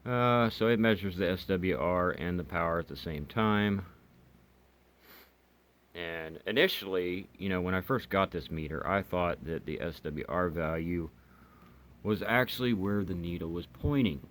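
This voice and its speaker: A hobbyist video host reviewing radios gives a casual, unscripted product demonstration, talking in a hesitant, rambling way. His voice is low and fairly bright, and he keeps a measured pace. Background noise in the recording is clear.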